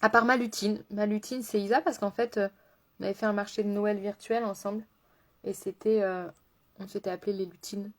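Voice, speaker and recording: A woman's voice: mid-range voice, steady tone, fairly quick. A woman makeup artist chatting casually on a live stream, laughing often and answering viewers by name as she works. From France.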